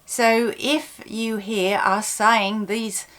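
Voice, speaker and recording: A woman's voice: medium pitch, fairly even intonation, extremely slow, fairly bright tone. A woman with a Suffolk, East Anglian accent hosting an informal, chatty explainer for viewers, using everyday example phrases. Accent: Suffolk, East Anglian English. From Suffolk, England. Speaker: host of a dialect video series.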